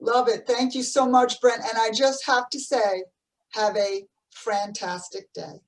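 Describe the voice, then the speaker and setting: A woman's voice: a little high, fairly even intonation, a little slow, recorded from a distance, low-quality recording. A woman with a New Jersey accent hosting an interview over a video call, effusive and full of compliments. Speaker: podcast host. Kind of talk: casual interview chat.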